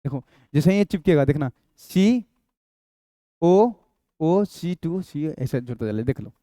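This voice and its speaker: A man's voice: a little high, animated, unhurried, mellow, no echo. A young male chemistry teacher, giving a playful exam-prep lecture and joking with imagined students. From Bihar. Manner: playful, banters with imagined students, sings a snatch.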